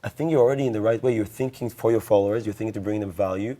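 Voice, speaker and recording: A man's voice: lowish voice, rapid-fire, mellow. A man on a panel giving encouraging advice to a young creator, often restarting his sentences. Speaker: social media influencer on a panel.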